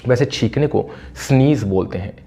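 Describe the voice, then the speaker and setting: A man teaching spoken English in a casual, chatty way, slowing down and repeating words for emphasis. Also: medium pitch, gravelly, mellow. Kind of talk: casual classroom-style explanation. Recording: slightly dull lo-fi audio.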